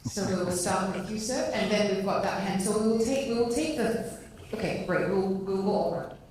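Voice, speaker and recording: A woman moderating the question round at a conference in a brisk, organizing manner. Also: mid-range voice, a little mellow, a little hiss or hum. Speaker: session moderator. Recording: distant mic in echoey hall.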